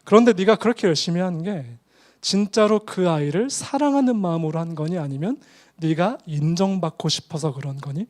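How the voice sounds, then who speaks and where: A man voicing God as a calm, fatherly male voice who gently questions him. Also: high-pitched, a little fast. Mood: gentle, searching.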